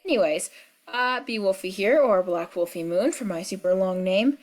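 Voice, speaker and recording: A young woman with a slight cold talks through a game at home in loose, rambling commentary. She is chatty and full of fillers and side remarks, and her voice sits at a middle pitch. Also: animated, moderate pace, darkish tone. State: sick with a cold, clearing throat. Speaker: gaming vlogger. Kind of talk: casual rambling commentary over gameplay. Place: at home in the country.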